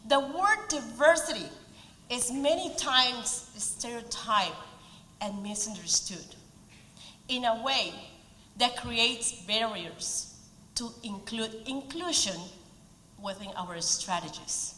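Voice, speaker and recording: Taking her time, a Peruvian woman in her forties with a Spanish accent delivers an earnest, lightly humorous prepared speech at a community event. Her pitch is fairly high and her tone sharp. The recording carries roomy event-hall reverb plus a little hiss or hum.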